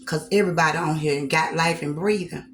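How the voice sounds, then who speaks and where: Low-pitched woman chatting while eating. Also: fairly even intonation, fairly quick, fairly bright tone, slight background noise. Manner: repeats phrases, folksy and preachy asides. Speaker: vlogger. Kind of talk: casual chat while eating on camera.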